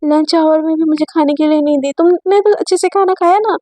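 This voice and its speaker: A caring young woman who pleads and looks out for her friend, as a woman storyteller puts her on. Her voice is high and mellow, recorded dry and close. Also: a little fast, no room sound, close to an everyday voice. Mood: puzzled, pleading. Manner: pleading, protective.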